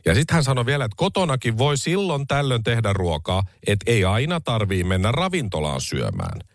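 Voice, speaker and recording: A man's voice: mid-range voice, wildly swooping pitch, dry recording, studio quality. A man hosting a podcast, delivering a sarcastic, mocking monologue on politics in a casual, conversational way. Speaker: podcast host.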